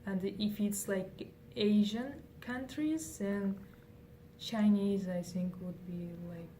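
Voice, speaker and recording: With a slow, mellow, mid-range voice, a young woman from Kazakhstan whose first language is Kazakh responds to interview questions in English, full of fillers and restarts. Faint noise is audible, and the mic is distant.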